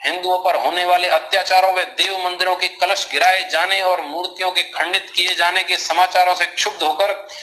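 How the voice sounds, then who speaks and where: A man's voice: high voice, level tone, moderate pace, sharp tone, low-quality recording. A man doing an urgent horseman messenger. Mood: angry. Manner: breathless, urgent, agitated. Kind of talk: audiobook character voice.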